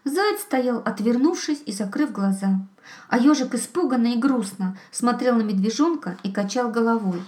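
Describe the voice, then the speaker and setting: Female storyteller, slightly high voice, echoey room. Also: expressive, normal speed, a little mellow. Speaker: narrator. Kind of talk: storybook reading.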